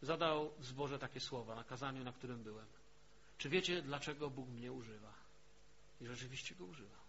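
A man preaching a sermon in a storytelling way, dropping to a hush and then rising to emphatic peaks. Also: mid-range voice, brisk, slight background noise. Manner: storytelling, swings from hushed to emphatic. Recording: dull lo-fi recording.

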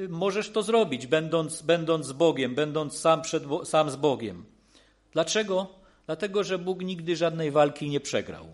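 A man preaching a sermon in an earnest, reassuring way, with frequent restarts and repeated phrases. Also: high-pitched.

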